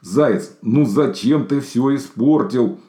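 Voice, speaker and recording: A man voicing a gentle, earnest bear cub in a storybook, in an echoey room. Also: medium pitch, slow, pitched above the performer's own voice, close to an everyday voice.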